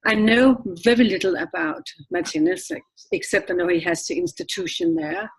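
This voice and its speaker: Husky older woman. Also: on the low side, animated, poor audio. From Denmark. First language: Danish. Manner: measured, reflective. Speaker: panel guest.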